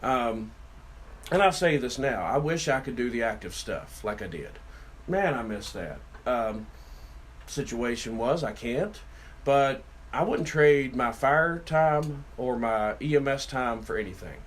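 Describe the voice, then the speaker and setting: Here the Virginia co-host, a middle-aged city councilman, chats casually on the podcast with medium pitch, lively intonation and a measured pace. His big, carrying voice rambles through folksy tales over a slight hiss or hum.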